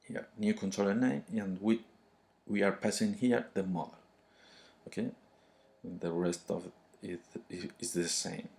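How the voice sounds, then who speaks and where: A man with a thick foreign accent giving an unscripted tutorial, halting and often searching for words. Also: low-pitched, gravelly, a little mellow. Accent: thick foreign, non-native English. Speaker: programming tutorial presenter.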